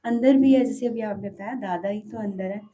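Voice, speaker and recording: A woman's voice: mid-range voice, brisk, mellow. A woman devotee earnestly sharing her experience at a devotional gathering, often restarting as she searches for words. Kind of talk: heartfelt testimony at a devotional gathering.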